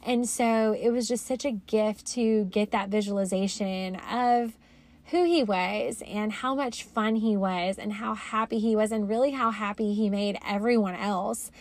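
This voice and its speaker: A woman in her thirties talks through a personal faith podcast monologue. Her voice sits at an ordinary middle pitch. She speaks haltingly and reflectively, with plenty of ums and restarts. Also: fairly even intonation, darkish tone. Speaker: podcast host.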